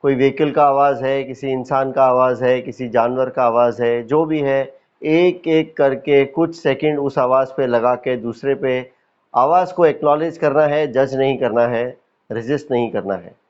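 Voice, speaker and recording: This yoga nidra meditation is led by a man with an Indian accent speaking at medium pitch over dull audio. As a teacher, he is calm and instructive, pausing deliberately and repeating phrases.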